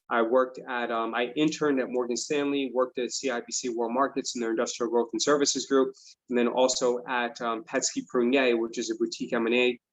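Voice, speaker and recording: Earnest male investing host, dull lo-fi audio. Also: medium pitch. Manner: earnest, reflective, many "um" and "you know". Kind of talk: casual interview chat.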